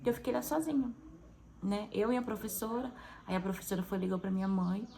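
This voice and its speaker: A woman's voice: mid-range voice, fairly quick, gravelly, warm tone, slight background noise, poor audio. A young adult woman with a Brazilian Portuguese accent, a mother sharing a personal testimony in a chatty, heartfelt way with frequent tag questions. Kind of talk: casual confessional monologue.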